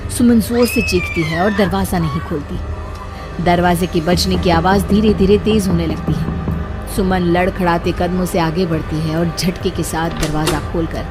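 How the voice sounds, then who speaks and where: A woman narrating a scripted horror story for a cartoon in a steady, suspenseful way. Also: fairly low pitch, moderate pace, music in the background.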